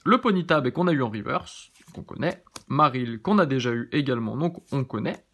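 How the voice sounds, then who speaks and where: A man in a casual, easygoing commentary, talking through each card as he turns it over at a middling pitch. He muses aloud, hesitates over names and corrects himself with plenty of fillers. The tone stays relaxed and conversational throughout. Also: a little fast, slightly rough. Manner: thinks aloud, often unsure of names; relaxed, chatty, many fillers. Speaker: YouTube channel host.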